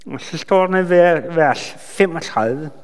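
A man giving a sermon, retelling a Bible story with lively asides to his listeners. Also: on the high side, clean tone. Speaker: preacher. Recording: long hall reverb.

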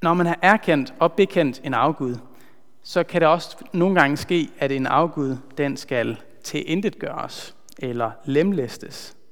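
Man preaching, slightly high voice, earnest and measured, long echo of a hall. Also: a bit bright. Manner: earnest, measured, slows for emphasis. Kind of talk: sermon with a retold story.

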